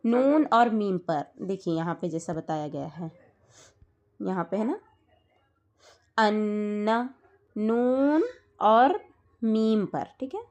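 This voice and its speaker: A woman teaching Quran recitation rules, explaining slowly and patiently, repeating each point and checking that her student follows. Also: mid-range voice, a little mellow.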